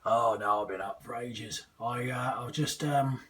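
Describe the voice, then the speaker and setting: A young man in his twenties, an amateur CB radio operator testing a new radio, chats casually over the air from a small indoor room full of radio gear. His medium-pitched, slightly bright voice moves at a moderate pace and sounds far from the mic. He's hesitant and rambling, with lots of slang.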